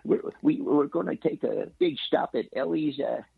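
An older man calling into a radio show, chuckling and teasing in a halting, folksy way over the phone. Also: a little high, lively intonation, creaky, slightly rough, dry recording. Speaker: caller. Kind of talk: phone-in chat. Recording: tinny phone line.

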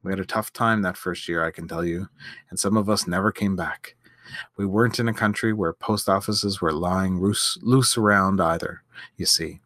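A man voicing a sturdy young man, a warm big brother who speaks soberly and earnestly, in a storybook reading. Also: sits low, fairly even intonation, normal speed, dry recording, studio quality.

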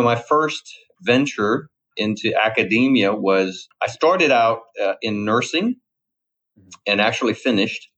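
Heard on a dull lo-fi recording, a middle-aged man from Louisiana, USA, with a Cajun accent and a mid-range, slightly bright voice, chats as an interview guest. His casual talk rambles and repeats its words.

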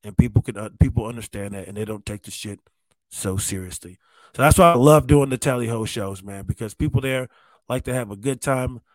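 A male stand-up comedian tells stories in a loose, conversational monologue, frequently dropping "man" and "like." His voice is medium-pitched and a little fast, with no room sound.

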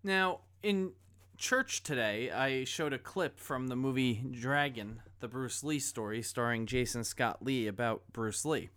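A man's voice: medium pitch, measured pace, fairly bright tone, clear, resonant tone. A man preaching a sermon, reading scripture and then retelling a film scene in a conversational way. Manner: conversational storytelling, acts out quoted dialogue. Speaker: pastor.

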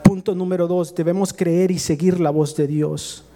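A man preaching a sermon, swinging between rising questions and low, slow, emphatic phrases. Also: steady tone, dark tone. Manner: rhythmic repetition, builds in cadence.

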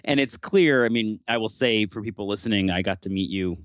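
A man hosts a preservation interview podcast, chatting loosely with fillers and restarts. His voice is lowish and brisk, recorded at studio quality with no echo.

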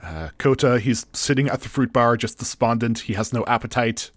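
A man's voice: mid-range voice, normal speed, dry recording. A man co-hosting a casual chat, recapping a TV episode and paraphrasing the characters' lines with jokes and laughs. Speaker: podcast co-host.

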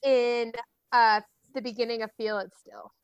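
A woman's voice: fairly high pitch, flat delivery, unhurried, clean tone, lo-fi sound. A woman co-hosting a casual chat show, bubbly and encouraging. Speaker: podcast co-host. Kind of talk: casual chat, game quiz.

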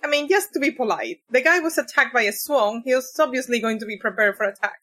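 A woman's voice: fairly high pitch, quick pace, a bit bright. A woman playing a character in a tabletop game, speaking wryly and making a case for good manners. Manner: wry, polite-minded player. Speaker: player. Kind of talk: casual game talk.

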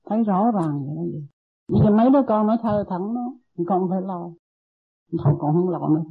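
A husky woman in her sixties pours out her worries to her teacher, hesitant and deferential, tripping over repeated words. The voice is breathy and worn. It comes through a thin, tinny, phone-like recording. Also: medium pitch, expressive, a little fast. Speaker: meditation disciple. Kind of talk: asking a teacher for advice. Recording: tinny lo-fi tape.

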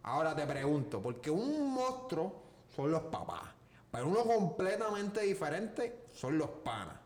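A man's voice: big pitch swings, measured pace. A man hosting a podcast, joking and rambling, often restarting his sentences. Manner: joking, rambling, self-interrupting. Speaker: podcast host. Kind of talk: casual chat. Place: podcast studio. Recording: echoey room with faint rumble.

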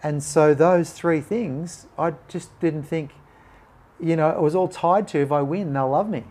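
A man's voice: on the high side, unhurried. A man, a podcast guest telling a personal story and acting out the voices of people in it. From Australia. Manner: animated, acts out quoted voices.

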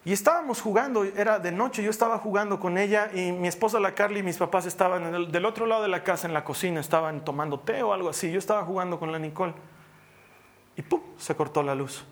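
A man with a Bolivian Spanish accent, preaching a sermon as pastor. He swings between emphatic, raised exhortation and soft, hushed passages. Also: high voice, fast talker.

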